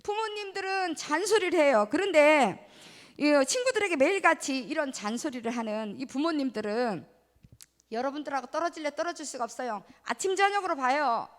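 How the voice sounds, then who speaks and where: High-voiced lively lady preaching to kids, church hall echo, middle-aged. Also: moderate pace. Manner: animated, mimics scolding parents, asks children questions. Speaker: children's ministry preacher. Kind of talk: children's sermon.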